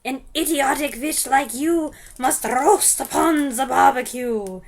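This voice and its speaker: A woman's voice: high-pitched, slow pace, voice pushed up. A woman voicing a furious, tyrannical female witch queen who shrieks and rants in stiff, formal speech. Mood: chanting. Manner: shrieking, ranting, foreign-sounding formal speech.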